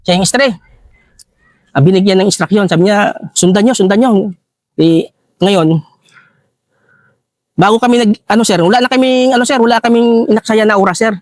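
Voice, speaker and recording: Soldier guest, high-pitched and dry, respectful, peppers every line with "sir". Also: male voice, a little fast, long pauses, no room sound. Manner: deferential, says "sir" after nearly every phrase. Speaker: soldier recounting a rescue operation. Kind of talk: military war story interview.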